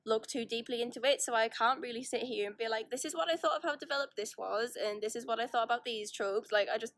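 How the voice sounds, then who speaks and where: Young woman, casual vlogger, handheld phone video, slightly high voice, dry sound, rambling and self-deprecating. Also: fast, a bit bright, dry recording. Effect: phone video recording. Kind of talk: casual chatty vlog. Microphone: phone held in hand.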